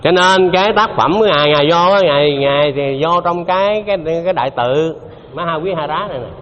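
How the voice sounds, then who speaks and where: A man's voice: a little high, a little fast. Man giving a rambling dharma talk. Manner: conversational, repeats himself, asks the audience questions. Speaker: Buddhist teacher. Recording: dull lo-fi hall recording with faint noise.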